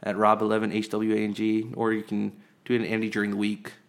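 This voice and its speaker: Chatty, rambling man with a low voice. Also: monotone, quick pace, creaky. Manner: rambling, chatty, with frequent fillers and restarts. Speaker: podcast co-host. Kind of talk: casual chat.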